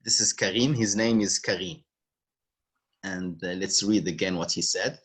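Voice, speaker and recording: A man from Morocco with a Moroccan accent tutoring French over a video call, patiently repeating words slowly. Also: low-pitched, a bit bright, slightly rough. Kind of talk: online one-on-one language lesson.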